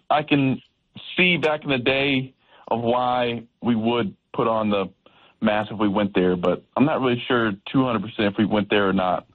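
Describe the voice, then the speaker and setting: Halting man on tinny AM radio. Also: mid-range voice. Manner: hesitant, halting, unsure. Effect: lo-fi AM radio broadcast sound. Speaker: athlete interviewed on sports radio. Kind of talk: casual radio interview answer. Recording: tinny, narrow-band radio clip.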